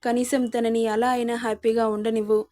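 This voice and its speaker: A woman's voice: on the high side, flat delivery, brisk, mellow, natural voice. A woman voicing a distraught, guilt-ridden young husband in a storybook reading, pleading and remorseful.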